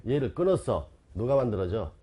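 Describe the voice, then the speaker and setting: A man's voice: mid-range voice, very animated, a little fast, warm tone. A man giving an online exam-prep lecture, quizzing his students with constant rhetorical questions and insistently repeating key terms.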